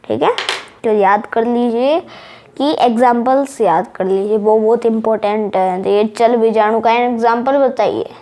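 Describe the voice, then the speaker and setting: Woman teacher, high voice, unhurried delivery, drills each term by repeating it. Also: steady tone, mellow. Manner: repeats key terms slowly, drilling pronunciation. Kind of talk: casual online lesson.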